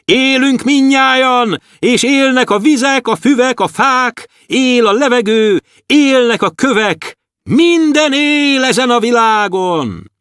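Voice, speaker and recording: A man voicing a joyful chorus of stars in an audiobook, proclaiming loudly and slowly. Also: very high-pitched, clear, resonant tone, no room sound, clean studio sound, pitched above the performer's own voice. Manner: shouted back, proclaiming.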